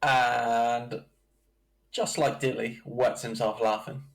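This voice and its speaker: Slow gravelly-voiced male dungeon master. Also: mid-range voice, steady tone, rough recording. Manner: slow, halting narration with chuckles. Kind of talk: narrating a tabletop game.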